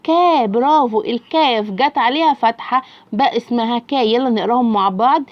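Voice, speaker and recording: A young woman with an Egyptian accent teaching Arabic reading, drawing out letter sounds slowly and praising the child. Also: fairly high pitch, dry recording, lo-fi sound. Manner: slow, drawn-out letter sounds when modeling.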